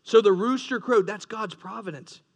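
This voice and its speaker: High, gravelly-voiced man preaching a sermon. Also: normal speed. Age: adult, past his teens. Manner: rhetorical questions, repeats himself, restarts phrases. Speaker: pastor.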